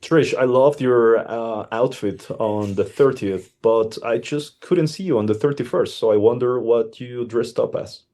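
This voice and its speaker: A man co-hosting a casual podcast, chiming in with brief, relaxed, friendly remarks. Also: mid-range voice, unhurried, few pauses. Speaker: podcast co-host.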